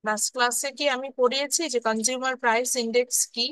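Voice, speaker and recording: A woman's voice: on the high side, steady tone, fairly bright tone, no echo, low-quality recording. A woman university lecturer teaching an online class, mixing English terms into her speech and often checking in with students. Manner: mixes English terms into Bengali, slow deliberate English phrases.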